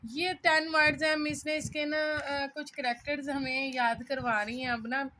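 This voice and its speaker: Woman, high-pitched, chatty, casual explanation, pauses while writing. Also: flat delivery, sharp tone. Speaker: student sharing her study notes. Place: home room.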